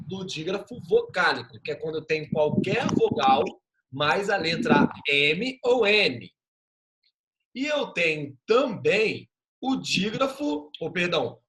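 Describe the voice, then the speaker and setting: Guy teaching a class online, high voice that jumps around a lot, drags out the sounds slow. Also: very animated, fairly bright tone. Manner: patient, drawn-out spelling of sounds. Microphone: video call.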